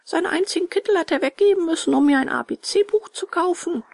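A woman voicing a brave, earnest wooden puppet boy in a high, eager voice. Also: quick pace, gravelly, darkish tone, no echo.

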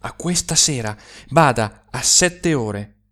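A man's voice: mid-range voice, animated, slow pace, a bit bright. A man reading the lines of a resolute young lover in a story, speaking urgently and insistently with a raised voice.

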